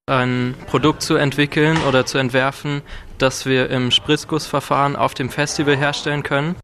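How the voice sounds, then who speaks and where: A man's voice: medium pitch, flat delivery, normal speed, fairly bright tone, a little hiss or hum. A young man from Potsdam, a student, speaking hesitantly and repeating words. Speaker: student participant.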